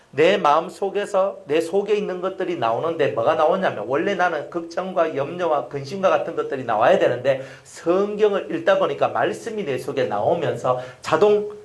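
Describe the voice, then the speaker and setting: A middle-aged man preaching a sermon as a pastor, animated and repetitive, often asking the congregation questions. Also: high voice, echoey room. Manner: animated, repeats phrases and asks the congregation questions.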